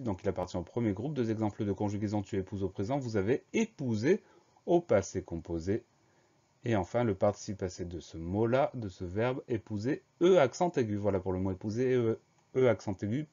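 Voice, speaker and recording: A man with a fairly low voice teaches a spelling dictation. He spells each word letter by letter and explains its gender, plural and grammar in a patient, methodical way. The recording sounds slightly dull and lo-fi. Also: mellow. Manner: slow, spells words letter by letter.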